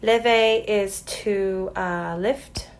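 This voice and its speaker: A woman's voice: medium pitch, steady tone, very slow, a little hiss or hum, rough recording. A woman teaching a French lesson, explaining patiently, spelling words out letter by letter and sounding out example sentences. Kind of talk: recorded classroom lesson.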